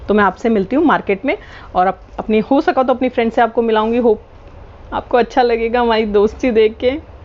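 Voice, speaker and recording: Chatty teasing woman vlogger, fairly high voice. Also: brisk, highs cut off. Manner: chatty and playfully teasing, switching between Hindi and English. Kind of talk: casual vlog chat to camera. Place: at home indoors.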